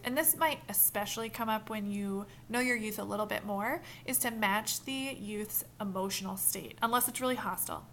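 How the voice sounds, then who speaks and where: A woman leading a mentor training in a casual, animated way, acting out example lines as she explains. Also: medium pitch, slight background noise. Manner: animated, acts out quoted examples.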